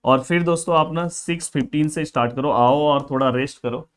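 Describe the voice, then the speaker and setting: A man, coaching students through an exam study plan in an energetic, friendly way. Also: fairly high pitch, fairly quick, smooth. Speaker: tutor.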